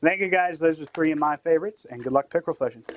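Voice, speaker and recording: A man's voice: a little high, fast talker. Friendly young man explaining lures. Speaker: shop pro staff. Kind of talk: gear demonstration. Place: small tackle shop room, indoors.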